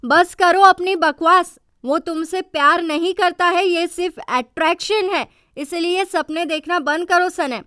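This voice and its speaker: A woman's voice: very high voice, unhurried, few pauses, a bit bright, dry recording, studio quality. A woman voicing a scheming, manipulative man who speaks in a harsh, dismissive way. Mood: angry.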